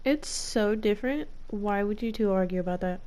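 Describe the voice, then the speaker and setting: A female gameplay streamer reacts in quick, playful, slangy remarks while faint game music plays behind her. She talks at a normal speed in a mid-range voice that leans dark.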